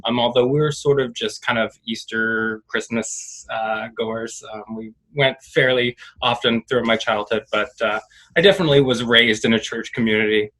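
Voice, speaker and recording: This is a man from Oklahoma with a bright, forward voice. He introduces himself in an interview, hesitating often with "um". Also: mid-range voice, steady tone, moderate pace, low-quality recording. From Oklahoma, USA. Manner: hesitant, frequent "um".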